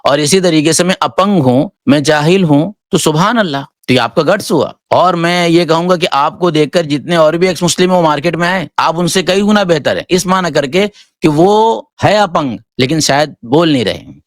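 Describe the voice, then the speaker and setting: A man's voice: a little high, no echo. Dry, sarcastic cleric man. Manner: sarcastic, mocking preachy tone. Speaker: Islamic cleric and online commentator. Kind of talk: reaction commentary.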